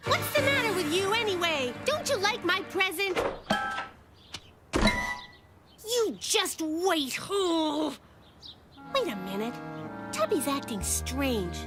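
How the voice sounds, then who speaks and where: A woman voicing a plucky, quick-witted little girl in a children's cartoon, with a wry, exclamatory manner. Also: extremely high pitch, sing-song, loud music behind the voice, full character voice. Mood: annoyed, suspicious.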